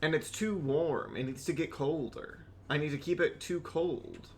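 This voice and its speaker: A man's voice: on the high side, moderate pace, a little mellow, slight background noise. A young man streaming a game, rambling wryly with swearing asides as he plays. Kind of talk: casual gameplay commentary.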